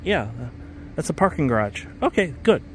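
A man's voice: on the high side, very animated, moderate pace, fairly bright tone, a little hiss or hum. A man filming a casual walking vlog as he tours a stadium, talking in an enthusiastic, rambling way and often correcting himself mid-sentence. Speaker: stadium tour vlogger. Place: outdoors in a large stadium.

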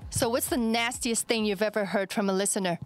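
A woman's voice: medium pitch, steady tone, a little fast. A woman hosting an interview, asking upbeat, playful questions. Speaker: TV and radio host.

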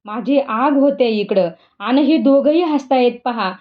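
A woman's voice: sits high, unhurried, dull audio. A woman voicing a ranting village Brahmin. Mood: angry. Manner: ranting, insulting. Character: hot-tempered older male village Brahmin.

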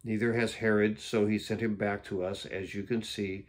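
A man with a lowish, fairly monotone voice reads Bible passages aloud at a moderate pace as part of a daily devotion. Now and then he pauses the reading for plain, offhand remarks.

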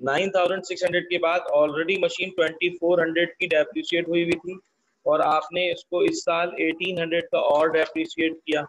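A man teaching an online accounting lesson. He explains each step slowly and keeps asking his students for the answers. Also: on the high side, little pitch movement, a bit bright, a little hiss or hum, poor audio.

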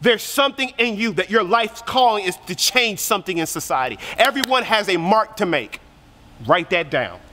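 A man preaches to teenagers with fervent, repetitive emphasis, his voice pitched high and bright. The sound carries a long reverb from a church hall. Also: very animated, normal speed. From Korea. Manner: passionate preaching, repeats phrases for emphasis. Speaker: youth pastor. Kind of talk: sermon.

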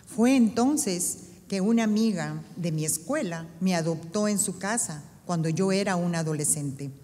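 Standing at a microphone on a church stage in front of an audience, a middle-aged woman from Peru reads her testimony earnestly in a Peruvian Spanish accent. She speaks at a normal pace, expressive, with a lowish, dark voice, and the big hall gives the recording a long reverb.

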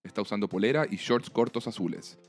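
Male co-host, animated and laughing, casual retelling. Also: on the low side, fast, vocal fry. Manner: laughs often, lively retelling. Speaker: podcast co-host. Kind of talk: casual episode recap.

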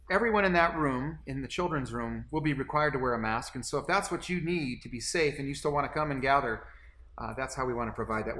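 A man's voice: mid-range voice, pushed and bright, slight background noise. A man in his forties, a pastor, seated in a small room making an earnest church announcement to camera, with frequent restarts and repeated words.

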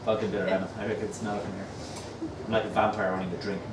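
In a small, crowded indoor pub, a middle-aged man hosting a pub crawl tells humorous stories to the crowd, mimicking people in quick asides. His voice is low and flat, caught by a far camera with no mic, so it sounds distant and roomy with echo, heavy background noise, and chatter behind.

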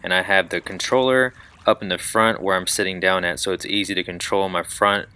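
Bright, crisp-voiced man explaining a DIY build. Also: low voice, steady tone, a little fast. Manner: upbeat, step-by-step explaining. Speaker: channel host. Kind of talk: DIY how-to walkthrough.

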